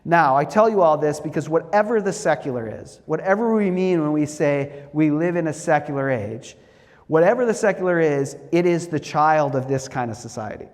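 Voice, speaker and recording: A middle-aged man lectures in a wry, lively storytelling manner. His fairly high voice rings out with a long reverb, as if heard across a church sanctuary. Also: moderate pace. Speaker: guest lecturer.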